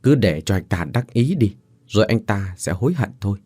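A man's voice: fairly low pitch, animated, brisk, darkish tone, slightly rough, no echo, clean studio sound. A man voicing a scheming sweet-talking young woman. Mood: cold.

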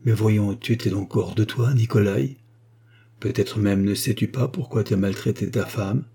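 A gentle, patient old village priest, as a man reading aloud puts him on in a storybook, speaking low and quietly. His voice is dark and slightly husky. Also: normal speed.

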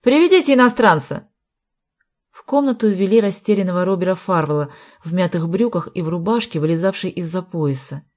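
Low-voiced woman narrating an audiobook. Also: lively intonation, fast talker, few pauses, dark tone. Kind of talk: scripted narration.

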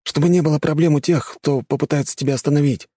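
A man's voice: on the high side, husky, no echo, clean studio sound, pitched above the performer's own voice. A man voicing an earnest, idealistic young man in an audiobook, speaking eagerly. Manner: eager, fast and lively. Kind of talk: audiobook character voice.

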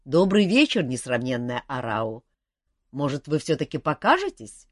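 A woman's voice: rumbling low, sing-song, moderate pace, dry recording, clean studio sound, exaggerated voice. A woman voicing a sly, teasing young man who mocks his friend. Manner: teasing, wry. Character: mocking young male adventurer, sly joker.

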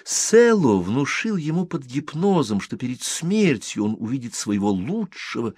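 A man narrating an audiobook in measured, storytelling style. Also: medium pitch, big pitch swings, a little mellow, husky, dry recording, clean studio sound. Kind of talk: scripted narration.

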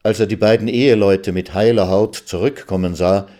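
A man narrates an old literary tale in a calm, measured way. His voice sits low and mellow, unhurried and even. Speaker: reader. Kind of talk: literary reading.

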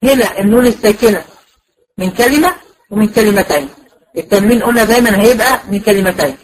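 A woman with an Egyptian accent giving a patient, explanatory recorded lecture to a class, drawing out example words slowly. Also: medium pitch, animated, rough recording. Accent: Egyptian Arabic. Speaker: teacher.

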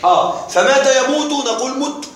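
A man teaching a grammar lesson to a class, reciting word pairs slowly and checking often that his students follow. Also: very high-pitched, expressive, a bit bright. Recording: echoey room, voice from afar.

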